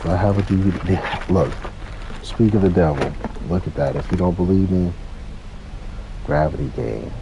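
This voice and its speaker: Rambling through his stories with slang and some swearing, this 30-something man from California has a low, gravelly, expressive voice at a moderate pace. Racing game engines roar behind him in the noisy audio.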